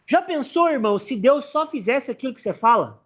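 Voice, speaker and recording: A man with a Brazilian accent teaching a church Sunday school class, joking and acting out Bible characters. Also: extremely high pitch. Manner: animated, joking, acts out Bible characters in quick voices.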